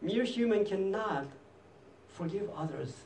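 A man leads a conversational sermon as the pastor, turning often to the congregation with casual questions. His voice sits high and swings widely in pitch. It carries through an echoey church hall from some distance off the mic. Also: lively intonation, slow pace, darkish tone, slight background noise.

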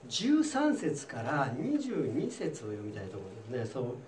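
A man's voice: mid-range voice, huge pitch swings, measured pace, darkish tone, a little hiss or hum. A man preaching a conversational sermon as pastor, talking casually and putting questions straight to the congregation in a church hall. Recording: echoey room, voice from a distance.

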